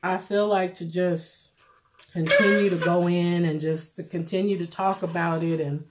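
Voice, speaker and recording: A middle-aged woman giving casual, plainspoken vlog commentary while eating, pausing for bites and repeating phrases for emphasis. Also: lowish voice, fairly even intonation, very noisy. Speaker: vlogger. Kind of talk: casual mukbang commentary chat.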